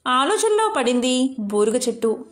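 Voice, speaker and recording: A woman narrating a devotional story in a steady, expressive storytelling manner. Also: high voice, a little slow, reverberant, faint music behind.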